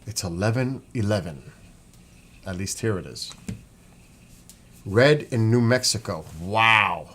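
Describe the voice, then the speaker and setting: Low-voiced New York man livestreaming. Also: lively intonation, slow pace, long pauses, a bit bright. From New York state, United States. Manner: rambling, chatty, breaks off to read names and comments. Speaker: livestream host. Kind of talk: casual livestream chat, greeting commenters. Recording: clear background noise, room ambience.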